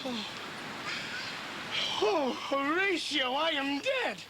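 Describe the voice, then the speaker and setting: A very high-pitched male actor's dying prince speaks over loud background noise. He is anguished and passionate, gasping and halting slowly through Shakespearean verse. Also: big pitch swings, exaggerated voice. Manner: halting, gasping delivery with groans. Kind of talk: Shakespearean stage acting.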